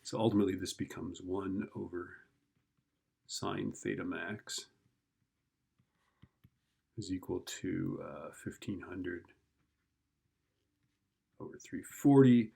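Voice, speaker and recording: A man teaches physics informally, working a problem step by step and thinking aloud in a casual, check-in way. His voice is low, steady, gravelly, husky and warm, slow with long pauses.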